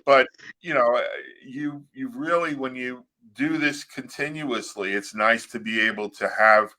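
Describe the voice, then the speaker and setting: A man's voice: mid-range voice, unhurried, pushed and bright, low-quality recording. A man co-hosting an interview, asking questions with joking, teasing asides. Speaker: co-host. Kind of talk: casual interview chat.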